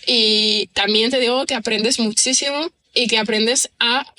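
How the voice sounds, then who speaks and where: A middle-aged woman writer, guesting on a reflective conversational interview, thinks through her ideas aloud with plenty of fillers and restarts. Her voice is a little high, pushed and bright, with fairly even intonation and an unhurried pace. She laughs easily.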